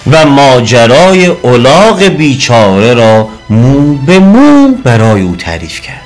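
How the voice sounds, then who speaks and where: Male storyteller; expressive, rising and falling delivery, faint music bed. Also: mid-range voice. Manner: lively, expressive reading. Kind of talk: storybook narration. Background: soft music.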